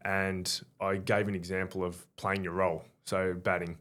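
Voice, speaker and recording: An Australian man, a podcast guest, telling relaxed work anecdotes in a casual, conversational way. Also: low voice, moderate pace. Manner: relaxed, anecdotal, with frequent "like" and "sort of".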